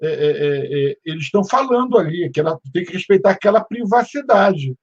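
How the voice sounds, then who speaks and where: A Brazilian man hosting a casual interview chat, playful, with loud acted-out quotes and stammered restarts. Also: sits high, animated, a little fast, breathy edge, highs cut off. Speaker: host.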